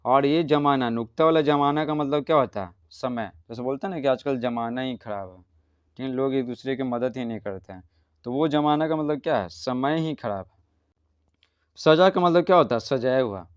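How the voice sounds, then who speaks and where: A man's voice: mid-range voice, moderate pace, clean tone, no echo, muffled recording. Male teacher, patient explaining, asks and answers his own questions, dry close sound. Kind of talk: explaining a school textbook lesson.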